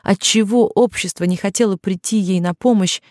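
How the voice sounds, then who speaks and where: A woman narrating an audiobook in a measured, even-paced reading. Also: mid-range voice, no room sound, clean studio sound.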